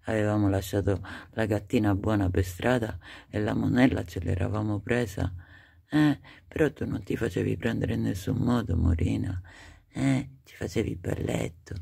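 A cat rescue volunteer cooing softly to a rescued cat in doting baby talk, full of pet names. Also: medium pitch, moderate pace, gravelly, slightly rough.

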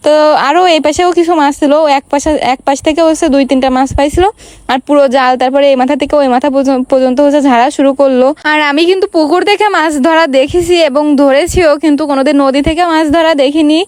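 High-voiced chatty young woman vlogger. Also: fast, darkish tone, no echo. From Bangladesh. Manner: chatty, addresses viewers directly. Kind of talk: casual voice-over narration.

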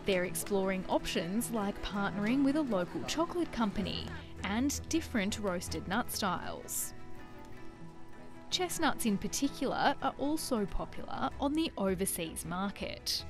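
A woman's voice: medium pitch, very animated. Woman narrating a news feature. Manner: measured, clear storytelling delivery. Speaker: reporter. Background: music.

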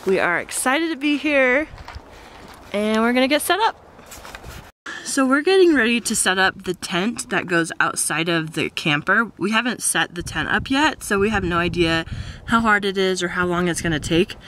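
A cheerful woman chats to a camera held at arm's length, narrating her trip in a casual vlog style. Her voice sits at a middle pitch. Clear background noise runs under her voice throughout. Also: animated, moderate pace, fairly bright tone. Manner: chatty, upbeat, laughs easily. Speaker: vlogger. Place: outdoors at a campsite, in a car and a restaurant. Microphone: handheld camera at arm's length.

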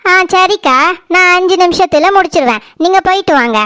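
A woman's voice: very high-pitched, expressive, brisk, pushed and bright, dry recording, clean studio sound, voice pushed up, full character voice. A voice actor playing a chirpy young woman in a cartoon, speaking with a Kanyakumari Tamil accent in an eager way.

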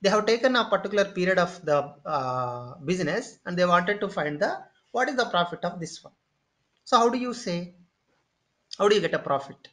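A patient tech instructor gives a screen-share tutorial lecture, explaining things step by step and often pausing with "okay" and "say." He repeats himself and restarts phrases while thinking, in a medium-pitched, animated, fairly bright voice.

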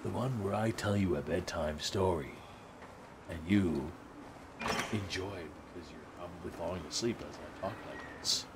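A man putting on a soothing late-night radio host voice, hushed and slow like telling a bedtime story. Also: sits low, background noise, pitched below the performer's own voice.

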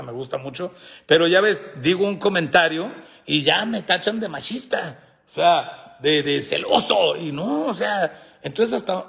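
Middle-aged guy on a live chat, joking around, laughing a lot, kinda high voice. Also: vocal fry, a bit bright. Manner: joking, laughs often, reads comments aloud. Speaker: host.

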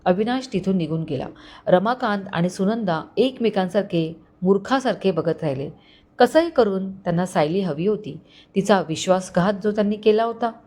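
A woman storyteller reading a dramatic family story in an expressive narration. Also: mid-range voice, normal speed.

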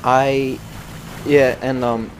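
A young man chats loosely over his match footage, his mid-pitched voice wandering from point to point between lots of ums and uhs. Faint gunfire from the game sits under his voice. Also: level tone, drawn-out words, background noise. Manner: rambling, filler-heavy, chatty. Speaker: gameplay commentator. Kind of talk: casual gameplay commentary.

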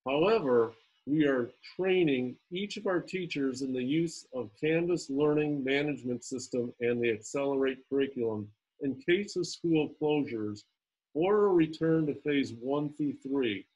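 A man speaking as a school administrator at a town hall over a video call, halting with frequent ums and restarts. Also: mid-range voice, darkish tone, breathy edge, lo-fi sound.

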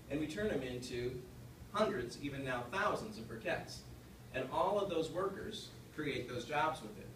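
Upbeat man presenting in an echoey hall. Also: fairly high pitch. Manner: upbeat, playful, leads audience. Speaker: conference speaker. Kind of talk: conference presentation. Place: conference hall. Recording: echoey hall, far from mic, background noise.

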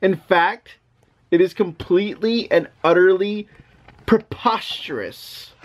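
A man voicing an exasperated, reluctant storybook reader, mock-protesting in a playful, drawn-out way as he is forced to say silly things. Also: high-pitched. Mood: pleading. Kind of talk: animated children's storybook reading.

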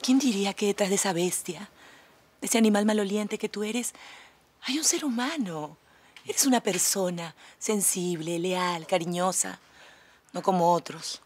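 A woman's voice: mid-range voice, a little slow, darkish tone, breathy edge. An actress playing a haughty, theatrical young woman with a dramatic, easily offended manner. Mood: tender. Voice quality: dramatic, huffy. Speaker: TV series character.

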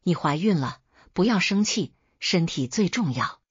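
A woman's voice: fairly low pitch, animated, unhurried, husky, no echo, lo-fi sound, exaggerated voice. A woman voicing an anxious young boyfriend who pleads and placates. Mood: pleading.

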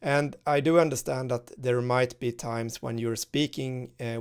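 A man in his thirties with a Swedish accent explains a university course in a recorded screen-share walkthrough, his webcam inset showing an indoor room. His medium-pitched voice is smooth and a little mellow with vocal fry, and he talks informally with lots of fillers and restarts.

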